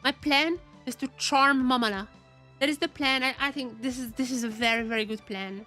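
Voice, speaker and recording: Over faint background music, a woman with a high, sharp-toned voice talks casually through her game for chat at a normal speed. She repeats phrases while she thinks, and a lingering cold has left her voice a bit tired.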